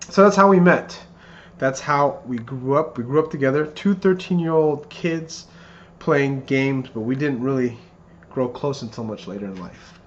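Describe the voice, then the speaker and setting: Male, 30s, mid-pitched, earnest best man rehearsing a wedding toast; dull lo-fi sound with background noise. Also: moderate pace. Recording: muffled lo-fi, clear background noise.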